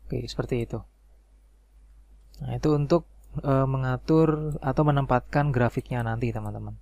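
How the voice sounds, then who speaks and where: A man calmly walking through a spreadsheet tutorial step by step, with frequent "nah" and "oke" fillers. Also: medium pitch, normal speed, dry recording, highs cut off. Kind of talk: screen-recorded software tutorial.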